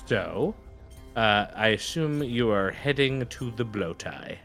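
A man with a lowish voice and very lively intonation runs a tabletop game. He narrates casually and haltingly as game master, with music underneath. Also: creaky. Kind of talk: running a tabletop role-playing game. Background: background music.

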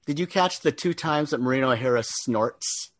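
A man's voice: mid-range voice, moderate pace. A man chatting casually about film as a podcast panelist.

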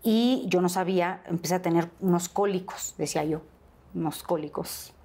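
A middle-aged woman with a Mexican accent, an interview guest telling a personal story in a lively way and often pausing on "este". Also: lowish voice, husky. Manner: animated storyteller, acts out quoted dialogue, frequent "este" fillers.

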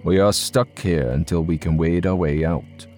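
A man voicing an eerily calm, secretive male traveling companion who speaks low, hushed and measured. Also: soft background music, natural voice. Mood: grim.

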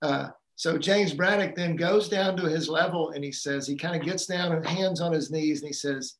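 A man's voice: on the high side, moderate pace, reverberant. A man on a live community call, casually retelling a movie scene with many fillers and restarts. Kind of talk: casual storytelling talk.

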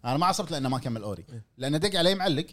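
A man, a podcast co-host, protesting insistently in a quick casual chat. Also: fairly high pitch, animated, a bit bright.

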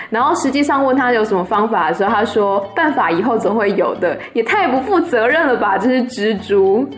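A woman with a Taiwanese Mandarin accent reading a children's story aloud with playful, laughing asides. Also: fairly high pitch. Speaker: storyteller host.

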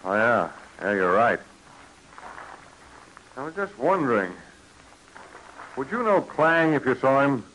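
An actor playing a brash, decisive American adventurer in a 1940s radio drama, punchy and commanding, on a noisy vintage recording. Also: male voice, mid-range voice, big pitch swings, slow, pauses often, a bit bright. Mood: brisk, intent.

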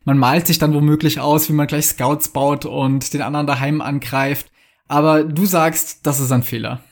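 A man's voice: a little high, fairly even intonation, moderate pace. A man hosting a podcast, posing long, structured questions about game strategy. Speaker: host. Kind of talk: podcast interview.

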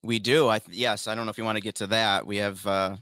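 A man's voice: on the low side, fairly even intonation, fast, pushed and bright, dry recording, studio quality. A man co-hosting a podcast in casual chat, laid-back as he reads out listener questions. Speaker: podcast co-host.

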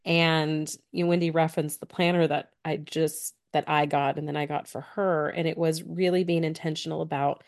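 A woman's voice: deep voice, level tone, moderate pace, few pauses. A woman co-hosting a podcast and speaking in the earnest, encouraging tone of a business coach. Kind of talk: casual podcast chat.

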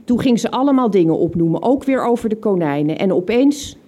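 A woman with a soft, mellow voice reads aloud from the diary she kept as a teenager. Her reading is reflective and unhurried, and amused little laughs slip out at her younger self's words. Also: medium pitch, lively intonation.

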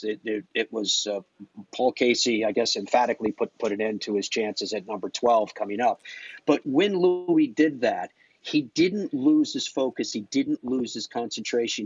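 A man's voice: medium pitch, husky, no room sound, lo-fi sound. A man reflecting thoughtfully on golf as a podcast guest. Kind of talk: podcast discussion.

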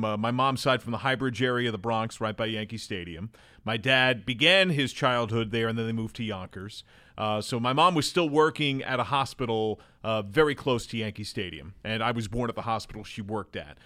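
A man's voice: medium pitch, normal speed, sharp tone, no room sound. A man in his forties from New Jersey, a baseball broadcaster telling his life story in detail as a podcast guest. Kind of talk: casual interview chat. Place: office near a studio.

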